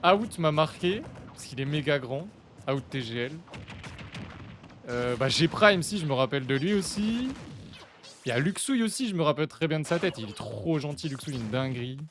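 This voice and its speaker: A man's voice: a little high, moderate pace, slight background noise. Chatty young man streaming live. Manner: chatty, excitable, addressing chat. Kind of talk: casual live-stream chat.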